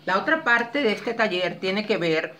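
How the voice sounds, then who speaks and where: A woman instructor leads a public speaking workshop in an expressive, demonstrative way. Her voice sits at a moderate pitch and is heard from some distance. The room adds a noticeable echo, with faint ambience behind her. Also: unhurried, slight background noise. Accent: Spanish. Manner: expressive, demonstrates vowels and intonation. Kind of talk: teaching a workshop.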